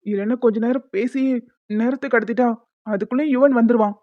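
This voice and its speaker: Calm reassuring woman, tinny and dry. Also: on the high side, fairly quick, no echo. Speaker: voice actor in animated serial. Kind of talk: dramatic cartoon voice acting.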